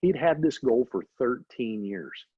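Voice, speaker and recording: A middle-aged man, an interview guest, telling animated faith-driven stories and often asking "right?". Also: medium pitch, unhurried, slightly rough, no room sound. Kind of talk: casual storytelling interview. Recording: dry, slightly dull recording.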